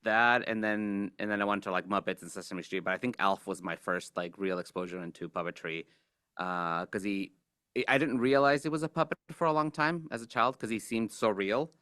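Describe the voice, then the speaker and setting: A man in his forties from Mexico, answering interview questions in a relaxed, halting way with plenty of fillers and restarts. His voice sits low but sounds bright and clear. The close mic gives a dry sound. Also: no room sound. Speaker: guest puppeteer. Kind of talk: casual interview.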